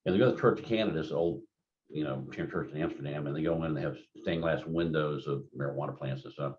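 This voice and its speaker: Deep-voiced older man lecturing. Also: fast talker, darkish tone. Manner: rambling, anecdotal, conversational with many fillers. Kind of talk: continuing-education lecture. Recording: dull lo-fi lecture recording.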